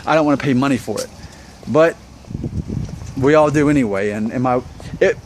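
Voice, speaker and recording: Background noise runs under a medium-pitched male voice at a moderate pace. He's a vlog host in his thirties giving his opinions casually to viewers, poking fun at himself and asking plenty of rhetorical questions.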